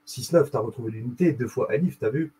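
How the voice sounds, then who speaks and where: A man's voice: mid-range voice, a little fast, warm tone, husky, rough recording. A man hosting a video, rambling through a casual explanatory monologue, often checking in with "d'accord?" and spelling out Arabic letters.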